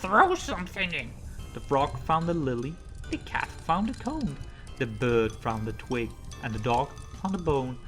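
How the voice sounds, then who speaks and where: A woman storyteller reading a children's story aloud in an animated narration style. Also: extremely low pitch, a little slow, soft background music.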